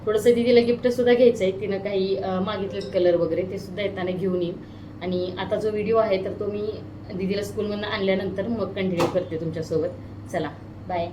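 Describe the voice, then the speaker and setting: A woman's voice: medium pitch, fairly even intonation, fairly quick, background noise. A woman in her thirties from Maharashtra, chatting casually on a family vlog and coaxing a toddler with questions, recorded on a handheld phone. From Maharashtra, India. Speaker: family vlogger and mother.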